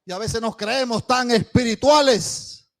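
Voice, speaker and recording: A man preaching a sermon in a church, swinging between loud calls and hushed asides and acting out the voices he quotes. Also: very high-pitched, measured pace. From Panama. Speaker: pastor.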